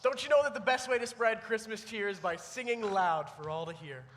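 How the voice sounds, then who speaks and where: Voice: medium pitch, fairly quick, a bit bright, a little hiss or hum, close to an everyday voice. A performer voicing a cheerful, naive adult male elf who is eager and childlike. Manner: wide-eyed, eager and childlike. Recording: long hall reverb.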